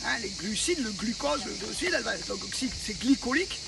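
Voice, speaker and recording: A man's voice: high-pitched, expressive, fairly quick, vocal fry, far from the mic, very noisy. A man coaching trainees, explaining energy systems and checking that they follow. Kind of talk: explaining sports physiology to trainees.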